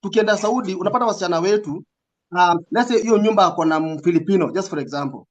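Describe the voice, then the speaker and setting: A man's voice: high voice, quick pace, dull audio. A man with a Kenyan accent giving interview answers in casual, code-switching talk, earnest and emphatic, repeating phrases for stress. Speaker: recruitment agency representative, interview guest.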